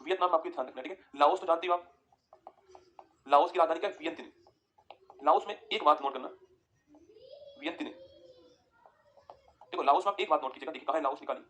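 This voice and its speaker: A man teaching a geography lesson over a map, talking quickly and repeating points for students to write down. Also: fairly high pitch, fairly bright tone, slight background noise. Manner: rapid, repetitive, tells students to write points down.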